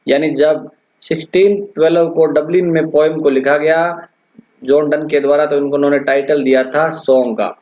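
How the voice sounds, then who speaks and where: Guy teaching a poetry exam class, kinda high voice, muffled lo-fi audio, keeps calling out to students. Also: steady tone, moderate pace, a little mellow. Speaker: English lecturer. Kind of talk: exam-prep lecture. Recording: dull lo-fi recording.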